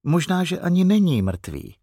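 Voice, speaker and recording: A man's voice: sits high, big pitch swings, no room sound, clean studio sound, voice pushed up. A man doing a kind, wondering mother. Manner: gentle, wondering. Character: kind, surprised young mother.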